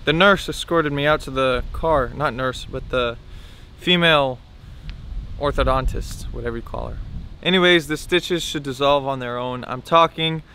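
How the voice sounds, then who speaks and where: A man's voice: mid-range voice, normal speed, sharp tone, slight background noise. A young man chatting casually to camera as a vlogger, his pronunciation slightly numb after dental surgery. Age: young adult. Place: outdoors by a sidewalk with palm trees. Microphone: camera at arm's length.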